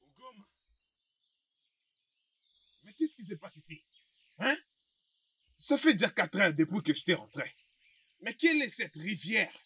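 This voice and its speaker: A man's voice: sits high, bright, forceful tone, breathy edge, exaggerated voice. A man voicing a worried husband in a dubbed film, asking anxious questions. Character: worried husband of two wives.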